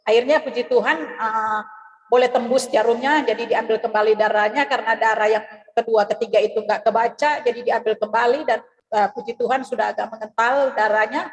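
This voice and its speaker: Woman, middle-aged, giving a personal church testimony, fairly high voice, lively retelling, long reverb. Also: brisk. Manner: lively storytelling, acts out the voices of the people in her story. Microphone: video call.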